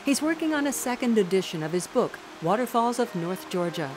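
A woman giving calm, measured scripted narration for an outdoors documentary. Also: fairly high pitch, background noise.

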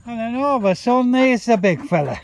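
A man's voice: very high-pitched, animated, fairly quick. A man talking casually in a home vlog outdoors by a pool, chatting to the camera and calling out to his dogs. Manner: chatty, swears mildly, calls out to dogs. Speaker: vlogger.

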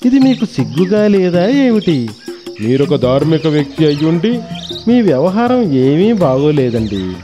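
A man's voice: on the high side, very animated, a little slow, music in the background. A man voicing a scheming male thief who scolds a priest in a scandalized way. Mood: scolding.

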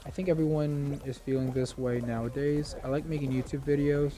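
A man's voice: a little high, fairly even intonation, fairly quick, over music. Nervous young man with a stutter. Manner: stuttering, many restarts, nervous. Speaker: vlogger. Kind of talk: casual gaming commentary.

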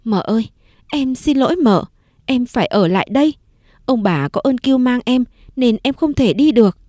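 A woman's voice: fairly high pitch, lively intonation, normal speed, dark tone, dry recording, clean studio sound, pitched above the performer's own voice, natural voice. A woman narrator voicing a young, loyal servant girl who pleads tearfully. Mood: pleading.

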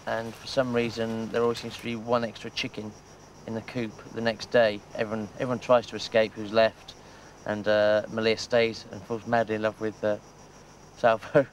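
A man's voice: on the low side, little pitch movement, moderate pace, slight background noise. A man being interviewed, talking casually and hesitantly with fillers. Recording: music clearly behind the voice.

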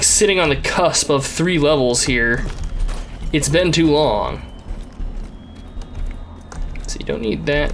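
A man's voice: on the high side, a bit bright. A man giving casual, rambling gameplay commentary in a wry way. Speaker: gamer commentator. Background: game music.

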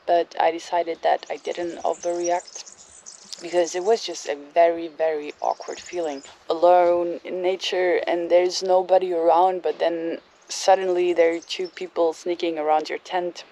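A woman's voice: lowish voice, little pitch movement, moderate pace, warm tone, slight background noise. A woman telling a story in a casual vlog from a campsite, hesitant with lots of fillers. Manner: hesitant, many fillers and restarts. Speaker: bicycle traveler vlogger. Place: outdoors at a campsite.

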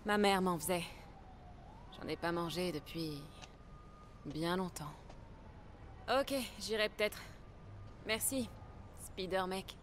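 A woman's voice: on the low side, slow, long pauses, slight background noise. A woman acting a proud, guarded young street woman in a naturalistic French video game dub. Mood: wistful.

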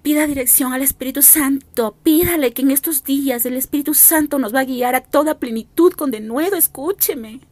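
Woman preacher, high voice, dry close self-recorded audio, pleading and insistent. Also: moderate pace, few pauses, a little mellow, no echo. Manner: fervent, pleading, repeats appeals. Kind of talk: recorded prophetic exhortation. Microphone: self-recorded audio message.

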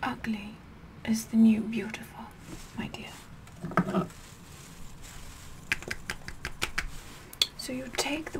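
A woman playing a vain, bossy Tudor queen in a slow, breathy whispered ASMR makeup role-play. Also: fairly high pitch, low-quality recording. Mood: regal, instructing. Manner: slow, haughty, deliberate, repeating phrases.

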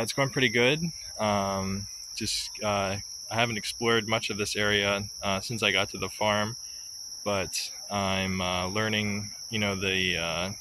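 Low, flat-voiced young man vlogging outdoors. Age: young adult. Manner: halting, many filler words. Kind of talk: casual vlog. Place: outdoors on a farm, among trees and under a tin-roofed shed. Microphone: phone camera at arm's length. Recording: outdoor phone recording with loud insect noise. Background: insects and crickets outdoors.

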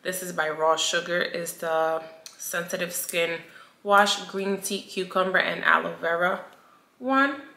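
A woman's voice: fairly low pitch, steady tone, unhurried, pushed and bright. A woman doing a casual haul video, chatty and playful, talking to her viewers as y'all. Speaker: beauty vlogger. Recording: echoey room.

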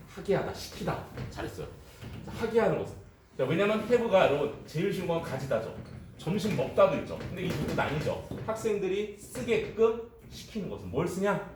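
A man teaches high school English in a lively, joking way, talking straight to his students. His voice rises and falls a lot and sits a little high for a man. He sounds set back from the mic, in an echoey classroom with a faint hum of room noise. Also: far from the mic. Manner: lively, jokey, addresses students directly. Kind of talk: classroom lecture.

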